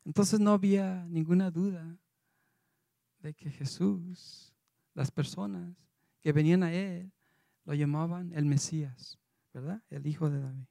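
A man with a fairly high, mellow voice preaches a sermon in a loose, conversational way, reading scripture passages aloud between his remarks. The sound is dry and close. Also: unhurried, vocal fry, long pauses, no room sound.

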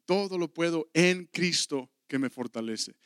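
A man's voice: a little high, expressive, a little slow, a bit bright, dry recording, studio quality. A man teaching a Bible class as a pastor, earnest and emphatic, repeating key phrases and calling the listeners to respond. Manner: earnest, repetitive preaching with rising emphatic calls. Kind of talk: sermon-style Bible teaching.

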